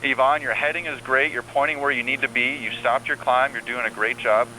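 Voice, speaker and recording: A man working as an air traffic controller on the radio, calmly giving reassuring step-by-step instructions. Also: mid-range voice, fairly quick, poor audio. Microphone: radio transmission. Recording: air traffic radio with faint hum and noise.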